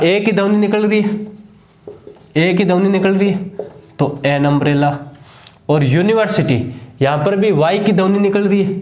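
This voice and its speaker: High-voiced Hindi-accented man teaching grammar. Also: darkish tone, roomy sound. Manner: repeats each answer as a question. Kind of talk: classroom grammar lesson.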